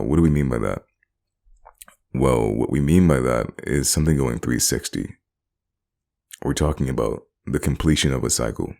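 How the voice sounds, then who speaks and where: Very deep gravelly man, rambling. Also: fairly bright tone. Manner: rambling, repetitive, laughs between phrases. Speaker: vlogger. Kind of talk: casual monologue on wellness.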